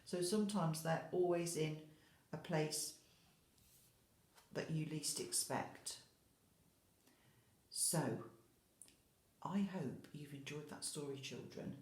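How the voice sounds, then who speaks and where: Slowly and with long pauses, an infant school teacher reads a picture book to young children in a low, darkish voice. Her reading is expressive, and she turns to the children with questions and asides. The echoey room is clearly audible.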